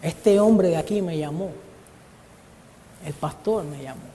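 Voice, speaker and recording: A man's voice: fairly high pitch, unhurried, dark tone, a little hiss or hum. A man preaching a Bible study sermon in an earnest way, often calling his listeners brother, speaking in a church hall. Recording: long church-hall reverb.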